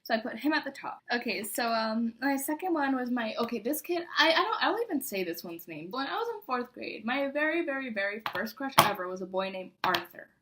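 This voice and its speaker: A woman's voice: a little high, animated, fairly quick, few pauses, a bit bright, a little hiss or hum. A young woman chatting casually to viewers as she reads aloud from an old diary, embarrassed and poking fun at herself. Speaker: vlogger.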